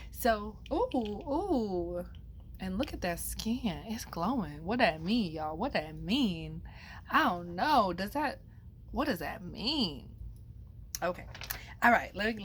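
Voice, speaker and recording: A young adult woman hosting an advice podcast in a casual monologue, chatty and playful with sassy slang asides, her voice slightly hoarse. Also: fairly high pitch, a little hiss or hum. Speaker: podcast host.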